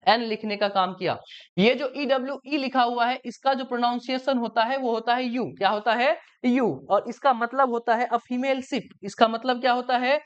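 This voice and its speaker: A woman's voice: a little high, steady tone, normal speed, smooth. Woman teacher, grammar lesson for kids, questions then answers herself, resonant, dull lo-fi sound.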